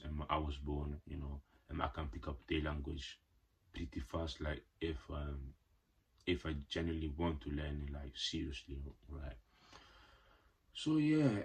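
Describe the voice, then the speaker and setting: A young vlogger, born to Ghanaian parents, rambles through a casual personal story on his channel. His voice is a rumbling low, a little mellow and husky, and his telling is thick with "like" and "you know" fillers and playful slang-filled asides.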